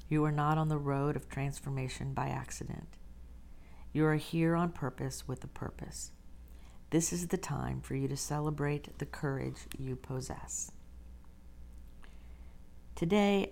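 A woman host leading a guided meditation like a sleep story narrator, gently and unhurriedly, with soft breathy phrase endings and long pauses. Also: extremely low pitch, steady tone.

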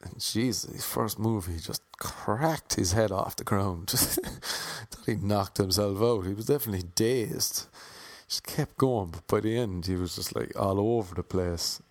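With a lowish voice and a slightly slow pace, a young man with an Irish accent recounts his auditions in a relaxed monologue. He's wry and self-deprecating, playfully mimicking others, and the recording has no echo.

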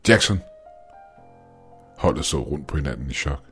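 Male horror narrator; extremely low, breathy, measured and ominous. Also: faint music behind. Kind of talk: scripted horror story narration.

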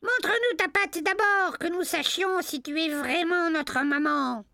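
A man voicing frightened little goat kids with squeaky, pleading voices. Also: unhurried, creaky, sharp tone, dry recording, studio quality, full character voice. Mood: wary.

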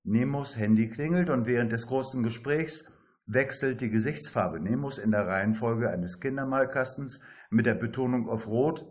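A man's voice: mid-range voice, moderate pace. A man narrating a satirical story in a dry, ironic tone, reading every part himself.

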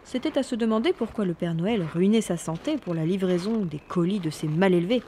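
Mellow-voiced woman reading a storybook. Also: on the low side, a little fast, slight background noise. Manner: lively, playful sound words. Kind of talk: storybook narration.

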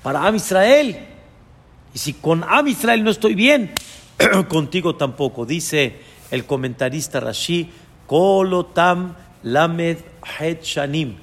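Man, rabbi, earnest sermon, high-pitched, long echoing reverb. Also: animated, takes it slowly, a bit bright. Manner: earnest teaching tone, weaves in Hebrew terms. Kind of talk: sermon lesson on scripture.

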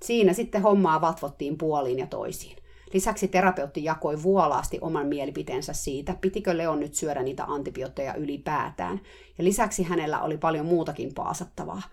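A woman's voice: low-pitched, darkish tone. A woman telling a diary-style story in a wry, matter-of-fact way. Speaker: narrator.

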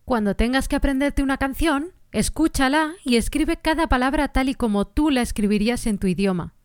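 A woman, hosting a singing-lesson podcast and explaining things in a clear teaching tone. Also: sits high, brisk, darkish tone, no room sound, clean studio sound.

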